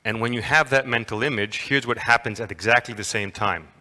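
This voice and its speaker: A man lecturing at a conference speaks briskly in a sharp, mid-range voice. His interactive talk is playful and full of questions for the audience, and the large hall adds long reverb.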